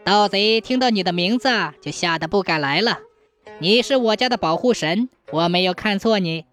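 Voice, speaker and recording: A storyteller voicing a smug, excitable old rich landlord from a folk tale, who stammers when he shouts. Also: mid-range voice, moderate pace, faint music behind, lightly acted. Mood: pleased.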